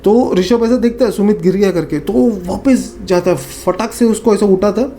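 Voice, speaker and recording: A man with a Northeast Indian accent telling a horror story in a casual, animated way, acting out his friends' lines with many fillers and repeats. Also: sits high, moderate pace, slight background noise.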